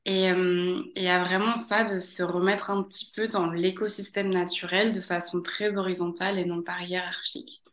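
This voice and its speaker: A woman's voice: fairly low pitch, little pitch movement, moderate pace, hardly any pauses, fairly bright tone, roomy sound. A woman from Mexico, a podcast guest talking casually, hesitating with many fillers and laughing often. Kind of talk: casual interview.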